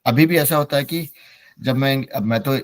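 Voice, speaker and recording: A man's voice: mid-range voice, moderate pace, no room sound. A middle-aged man, a native Hindi speaker, teaching an online English class and mixing Hindi with English as he encourages his students.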